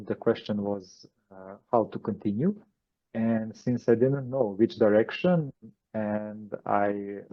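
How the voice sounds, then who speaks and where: A Croatian man with a fairly low voice tells his story in a halting way, full of "uh" and restarts. The sound is dull and lo-fi, as over a video call. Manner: hesitant, many fillers and restarts. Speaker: guest channeler. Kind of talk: interview answers.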